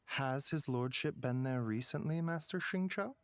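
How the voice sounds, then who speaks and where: An actor playing a calm, courteous, frank doctor in a video game. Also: male voice, medium pitch, normal speed, clear, resonant tone, dry recording, natural voice. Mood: grave, measured. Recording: game audio with music behind.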